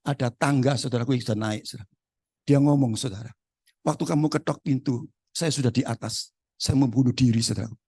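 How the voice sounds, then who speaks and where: A man's voice: medium pitch, fairly even intonation, fairly quick, mellow, breathy edge, no echo, clean studio sound. A man with a Surabaya Javanese accent giving a testimony sermon, repeating "brothers" after nearly every phrase and acting out the conversations he tells. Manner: repeats "saudaraku" constantly, acts out dialogue in Javanese.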